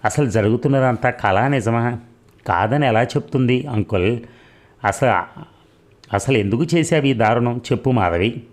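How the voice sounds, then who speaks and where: A man's voice: mid-range voice, normal speed, long pauses, natural voice. A man voicing an angry, betrayed young husband in a read-aloud serial novel, speaking in an emotional, accusing way.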